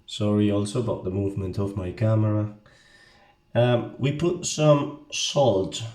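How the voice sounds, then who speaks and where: Slow-talking Basque-accented man, echoey room. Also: fairly low pitch, a little mellow. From Basque Country. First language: not English. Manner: halting, step-by-step, often checking with "okay?". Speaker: amateur home cook presenting. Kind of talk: casual cooking tutorial. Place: home kitchen, indoors. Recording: echoey room, background hiss and clicks.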